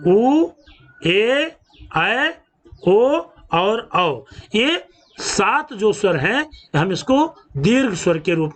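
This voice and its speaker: A man teaching a grammar lesson, drawing out each sound slowly as he explains. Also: sits high, fairly bright tone. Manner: slow, drawn-out teaching delivery with stretched sounds. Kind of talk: classroom lesson.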